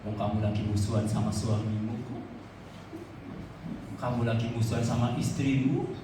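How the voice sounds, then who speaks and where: A man's voice: medium pitch, steady tone, moderate pace, noisy background, pitched below the performer's own voice, natural voice. A male preacher voicing a stern God who bluntly accuses a false worshipper, heard in an echoey church from a distant mic. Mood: stern, accusing.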